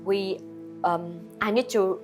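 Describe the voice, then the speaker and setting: Her voice is mid-range and darkish, with faint music behind it, as this Vietnamese woman who owns a restaurant is interviewed. She answers in simple, faltering non-native English, Vietnamese-accented and full of fillers.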